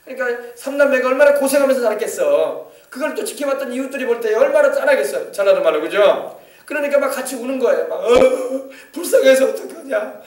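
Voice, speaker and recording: A man's voice: very high voice, lively intonation, fast talker, echoey room, distant mic. A male pastor preaching a sermon with emphasis, often asking the congregation to confirm. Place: church sanctuary.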